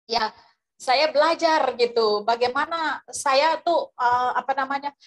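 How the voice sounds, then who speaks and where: A woman's voice: high voice, unhurried. A woman preacher tells a story over a video call, rambling with many fillers and restarts. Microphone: video call microphone.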